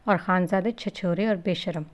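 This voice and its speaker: A woman's voice: on the low side, fairly even intonation, moderate pace, close to an everyday voice. A woman voicing a teasing young husband. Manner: teasing, grumbling.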